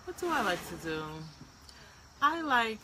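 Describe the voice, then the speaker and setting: A woman co-hosting a casual live-stream chat, frank and animated, ranting with quick asides. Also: a little high, background noise. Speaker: co-host.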